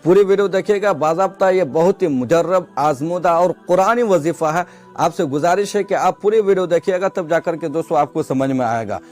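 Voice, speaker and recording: A man's voice: fairly high pitch, fairly quick. A man with a way of speaking, earnestly explaining a devotional practice to his viewers step by step and repeating himself. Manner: earnest, repetitive, addresses viewers as friends. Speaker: religious instructor. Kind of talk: devotional instruction to camera. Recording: soft music behind.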